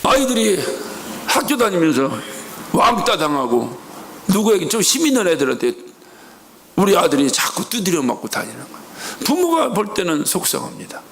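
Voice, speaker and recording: Middle-aged man, pastor mid-sermon: very high, animated delivery, emphatic, asks and answers his own questions. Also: moderate pace, vocal fry, a little hiss or hum. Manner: emphatic preaching with rhetorical questions and acted quotes. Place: church sanctuary.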